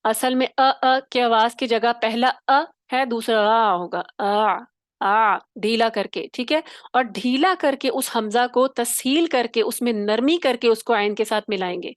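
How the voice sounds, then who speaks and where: A woman's voice: on the high side, few pauses, no room sound, studio quality. A woman teaching a Quran recitation lesson. She explains step by step, demonstrates the sounds and checks that students follow. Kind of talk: tajweed lesson.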